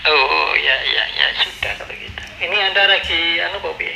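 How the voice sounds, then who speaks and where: A man's voice: on the high side, fairly quick, vocal fry, pushed and bright, slight background noise, low-quality recording. A man, heard over a two-way ham radio, chatting casually in a radio check and signing off each turn. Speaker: amateur radio operator.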